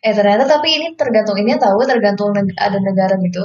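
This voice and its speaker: A young woman co-hosting a casual chat, chiming in with quick agreements and curious remarks. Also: mid-range voice, expressive, a little mellow. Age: young adult. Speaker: co-host. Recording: roomy, dull lo-fi audio.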